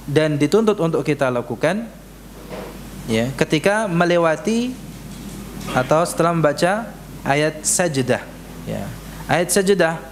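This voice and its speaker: A man teaching Quran recitation, drilling syllables slowly and correcting his students. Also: on the high side, slight background noise. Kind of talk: tajwid lesson in a mosque. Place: mosque prayer room.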